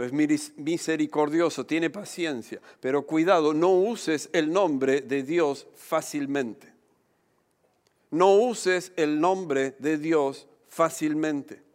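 A man preaching a sermon as pastor, emphatic, slowing down to stress key phrases. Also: on the high side, a little mellow. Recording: long hall reverb.

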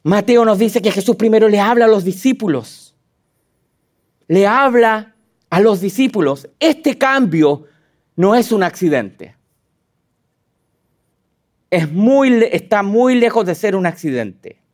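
A man preaching a sermon in a high, sing-song voice that leaps up and down. He talks animatedly and puts direct questions to his listeners. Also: slow, long pauses. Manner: animated, acts out quotes with sudden high dramatic voices.

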